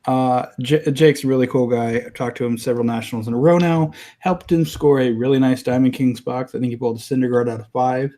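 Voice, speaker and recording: A man with an average-pitched voice co-hosting a casual podcast. He talks hesitantly and often stumbles into restarts before finding his words. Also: steady tone, brisk, few pauses, dark tone. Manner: hesitant, many fillers and restarts. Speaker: podcast co-host. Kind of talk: casual chat.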